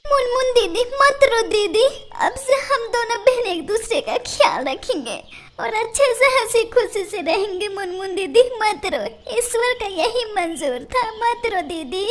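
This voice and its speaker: A tiny cartoon bird girl, voiced by a woman, pleading with her mother in sobbing cries. Her voice sits extremely high and thin, and she draws each word out slowly. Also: expressive, a bit bright, exaggerated voice. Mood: grieving. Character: young female bird, devoted, tearful younger sister. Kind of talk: Hindi cartoon voice acting.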